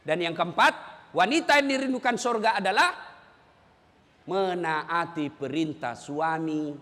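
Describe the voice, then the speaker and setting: High, bright-voiced man preaching with humor. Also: a little slow, long reverb tail. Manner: animated, joking, sometimes shouting. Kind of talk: humorous sermon.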